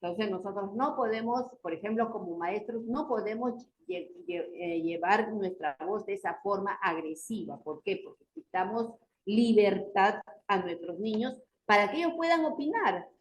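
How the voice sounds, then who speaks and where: A woman's voice: mid-range voice, normal speed, few pauses, slight background noise, low-quality recording. A woman teacher leading a class discussion, explaining points with rhetorical questions and frequent tag questions. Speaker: university teacher.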